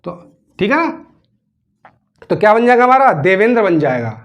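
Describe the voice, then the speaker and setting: High-pitched guy teaching a grammar lesson, keeps asking questions then answering them himself. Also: big pitch swings. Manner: repeats words slowly while spelling them out.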